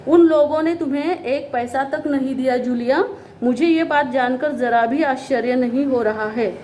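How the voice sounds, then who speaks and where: A stern, angry male householder who raises his voice until it shakes, as a woman reads him aloud. The voice sits high, with faint noise in the background. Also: normal speed, a little mellow, natural voice. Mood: agitated. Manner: angry, raised, trembling with rage. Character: stern middle-aged male householder, scolding.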